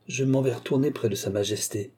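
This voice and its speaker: A man's voice: mid-range voice, brisk, dark tone, slightly rough, natural voice. A man reading a novel aloud, voicing an old worldly duke with a dry, mocking, offhand manner. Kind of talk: audiobook character reading.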